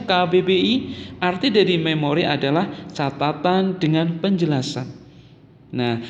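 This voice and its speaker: A man's voice: fairly high pitch, long reverb tail, muffled recording, a little hiss or hum. A man with an Indonesian accent explains public speaking methods to an audience, often adding "nah" and "ya". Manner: explanatory, addresses listeners, frequent "nah" and "ya". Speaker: instructor. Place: office or meeting room.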